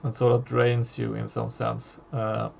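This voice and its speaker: A man narrating as game master of a tabletop horror game, halting, with many fillers and restarts. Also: medium pitch, completely flat delivery, vocal fry, darkish tone, a little hiss or hum.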